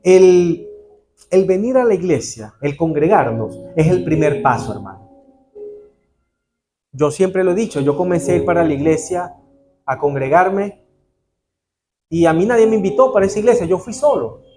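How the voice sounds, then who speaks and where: Male preacher, earnest sermon delivery, slightly high voice, clear music underneath. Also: expressive, moderate pace, pauses often. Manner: earnest, addresses the congregation as brother. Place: church.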